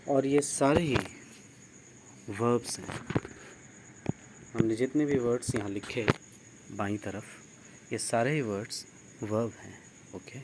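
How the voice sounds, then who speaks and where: Male grammar teacher, slow deliberate delivery, crickets chirping steadily behind. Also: mid-range voice, steady tone, background noise. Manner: slow, deliberate, spells words out letter by letter; asks the class questions and praises answers. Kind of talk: online grammar lesson.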